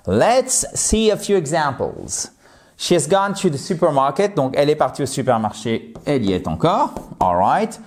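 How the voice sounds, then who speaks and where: A man explaining English grammar to viewers in a lively, direct way, joking about his own slips. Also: medium pitch. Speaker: English teacher.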